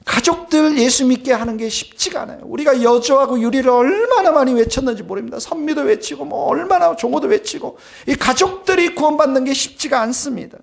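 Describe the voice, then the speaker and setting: A man's voice: very high-pitched, animated, brisk, vocal fry, hardly any pauses. A male pastor delivering a sermon, speaking emphatically and turning often to address the congregation, with plain personal stories mixed in. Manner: tells personal anecdotes in a plain conversational tone.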